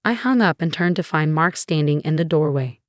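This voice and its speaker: A woman narrating a first-person story in an even, measured way. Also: low voice, no room sound, clean studio sound.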